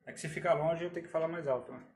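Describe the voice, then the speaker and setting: A man with a fairly high, rather evenly intoned, rapid-fire voice hosts a casual live stream on his phone, greeting viewers and checking the sound. It's a roomy phone-camera recording in an air-conditioned room, with faint room noise and the AC humming.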